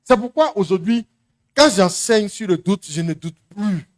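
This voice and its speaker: A middle-aged Ivorian pastor with a high-pitched voice preaches in French with an Ivorian accent. He tells a testimony, acting out the people in it. His delivery swings from loud calls to near-murmurs. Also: animated, unhurried. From Côte d'Ivoire. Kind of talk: sermon.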